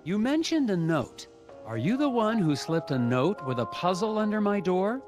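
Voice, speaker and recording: A man's voice: high voice, very animated, normal speed, over music. A man voicing an earnest, by-the-book puzzle-game detective with a stiff, formal, hesitant delivery. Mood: formal, probing. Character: earnest, awkward, by-the-book male FBI puzzle agent. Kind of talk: cartoon game dialogue and noir-like narration.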